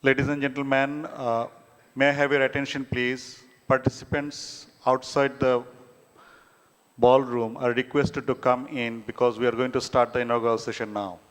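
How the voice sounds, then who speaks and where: A man's voice: medium pitch, flat delivery, moderate pace, a bit bright. Guy on the intercom calling folks in, polite formal announcer, big ballroom reverb. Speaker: conference announcer. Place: hotel ballroom.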